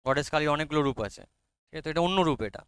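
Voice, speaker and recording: High, bright-voiced Bengali man teaching. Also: lively intonation, smooth, no echo. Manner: coaxing, checks often if students follow; reads English lines very slowly. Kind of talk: explaining a literature lesson to students.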